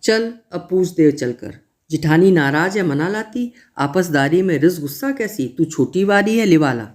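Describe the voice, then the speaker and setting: A man's voice: high-pitched, lively intonation, a little slow. A man voicing a kindly older village aunt giving homely advice, in a read-aloud story. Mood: advising.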